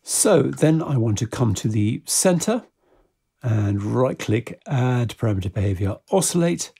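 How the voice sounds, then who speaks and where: A man's lowish, gravelly voice carries an unscripted software tutorial. He describes each step methodically as he works, his tone husky throughout.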